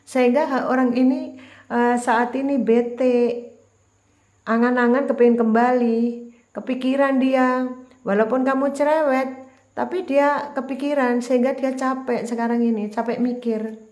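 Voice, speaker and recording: A woman's voice: high voice, fairly even intonation, a little slow, darkish tone. A woman giving a casual tarot reading, talking straight to the viewer in a chatty, repetitive way. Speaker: tarot reader. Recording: roomy echo.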